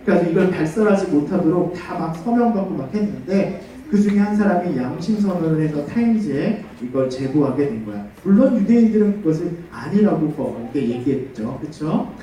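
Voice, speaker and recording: A man giving a children's sermon as pastor, animated and full of questions for the kids, leading them in call-and-response. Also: a little high, a little fast. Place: church hall. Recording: echoey church hall, far from mic.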